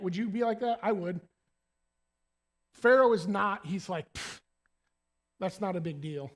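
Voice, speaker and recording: Male preacher, high voice, animated and conversational, church sermon. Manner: animated, talks to the congregation directly.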